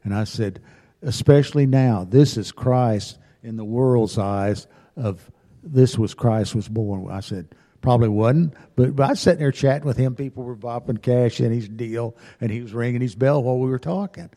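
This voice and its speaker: Guy in church class, warm dark voice, rambly earnest story, hall echo. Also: medium pitch, normal speed. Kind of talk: casual storytelling.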